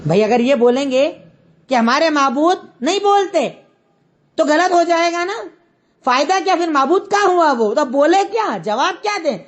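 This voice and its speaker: A woman teaching an Islamic lesson, retelling a prophet's story with lively storytelling and rhetorical questions. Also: high-pitched. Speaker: religious teacher.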